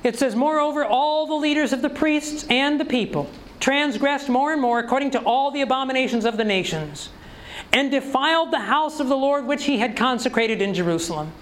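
A man's voice: very high-pitched, animated, a little fast, fairly bright tone, rough recording. A man preaching a sermon, reading scripture aloud and pressing the congregation with rhetorical questions.

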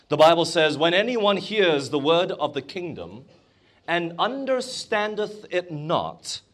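A man's voice: a little high, fairly bright tone. A man preaching a sermon in a church or conference hall, asking the congregation questions as he goes.

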